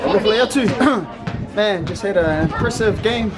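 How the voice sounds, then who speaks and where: High-voiced man chatting amid a loud crowd. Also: measured pace, over loud music. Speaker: amateur netball player. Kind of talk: casual post-game chat.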